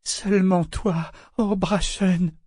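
A man's voice: high voice, fairly even intonation, slow pace, mellow, husky, dry recording, clean studio sound, voice pushed up, heavily acted. A man voicing a young woman who pleads in a breaking voice. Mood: distraught pleading. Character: young woman, distraught then pleading and tender.

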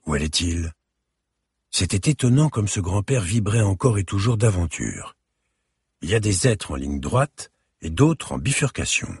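Audiobook narrator, man, very deep and gravelly, husky, expressive measured reading, dry close recording. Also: no room sound. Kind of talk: scripted narration.

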